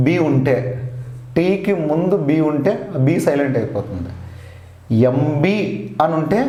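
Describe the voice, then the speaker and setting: A man's voice: on the high side, dark tone. A man with a Telugu accent teaching an English grammar lesson, patiently repeating each rule and spelling words out letter by letter. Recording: roomy echo.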